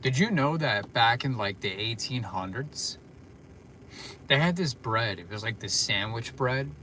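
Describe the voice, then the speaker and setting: A man's voice: medium pitch, sharp tone, a little hiss or hum. A tired man chatting casually on a livestream from his parked car, rambling with lots of fillers. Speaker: vlogger.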